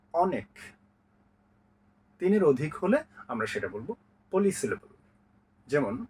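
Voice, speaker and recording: Give me a male teacher explaining syllables in a steady lesson voice, pitched a little high. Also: a little hiss or hum, rough recording. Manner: counts out syllables slowly and clearly. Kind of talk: grammar lesson.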